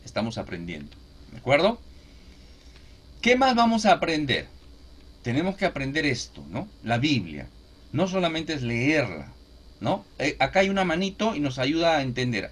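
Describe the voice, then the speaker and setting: A man preaching a teaching sermon, often asking his listeners if they follow. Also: a little high. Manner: animated, asks listeners "¿no?" and "¿de acuerdo?" often.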